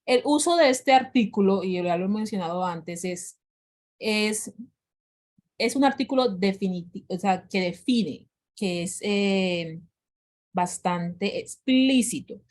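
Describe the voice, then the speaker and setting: A woman teaching English grammar in an online class, patiently explaining and repeating examples slowly. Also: medium pitch, animated, darkish tone.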